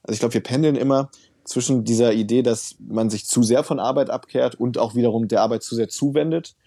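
A man's voice: medium pitch, fairly even intonation, fairly quick, dark tone, breathy edge, no echo, studio quality. A man, a work researcher and author, answering interview questions in a thoughtful, explanatory way with occasional fillers.

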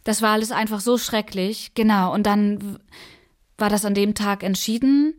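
An actress playing a twenty-year-old woman activist in a verbatim radio play, talking haltingly with many fillers and searching for words. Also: medium pitch, steady tone, lightly acted. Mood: hesitant. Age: 20s. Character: young woman activist of twenty, hesitant and moved.

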